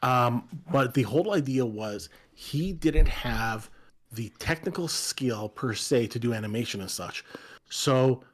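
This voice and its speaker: A man's voice: medium pitch, expressive, a little slow. A man who is a guest on a stream, chatting casually, joking and telling stories about friends. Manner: chatty, jokey, storytelling. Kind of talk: casual chat.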